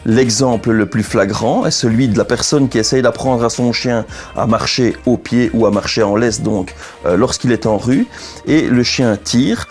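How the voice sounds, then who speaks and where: A man's voice: mid-range voice, normal speed, a little mellow, soft background music. A man giving an instructional explanation as a dog trainer, didactic and repeating key points for emphasis.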